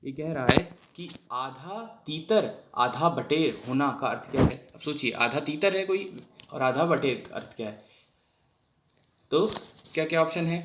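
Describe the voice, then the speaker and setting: A man's voice: a little high, moderate pace, background noise. Hindi teacher quizzing his class. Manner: asks questions and answers them himself. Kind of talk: online exam-prep lesson.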